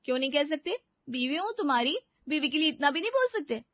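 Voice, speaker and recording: A woman voicing an overworked young wife in an animated family story, complaining and sarcastic. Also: high voice, quick pace, no room sound. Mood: indignant. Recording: dry, slightly dull studio recording.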